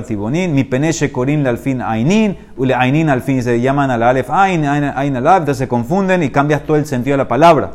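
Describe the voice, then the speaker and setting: A man teaching a Talmud class, reading Aramaic passages and explaining them in Spanish. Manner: animated, rises in pitch when stressing points.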